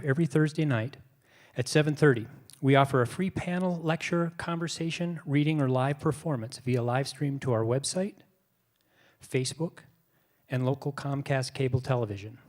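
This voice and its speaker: A man introduces an online museum reading, working through a prepared script. His delivery is measured and formal, like an announcer. His voice sits in an ordinary middle pitch. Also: a little mellow. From United States. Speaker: museum host.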